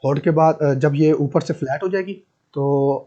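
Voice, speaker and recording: A man's voice: fairly high pitch, unhurried, dark tone, lo-fi sound. A man teaching a physics lesson, who explains step by step, repeats key terms and asks his class rhetorical questions. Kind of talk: classroom lecture.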